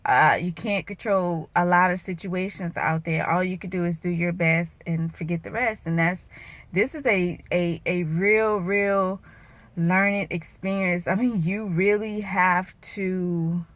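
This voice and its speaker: A woman's voice: lowish voice, a little slow, no echo. A woman in her thirties, an emotional vlogger and bikini competitor, venting earnestly and turning preachy and motivational, her voice wavering at times.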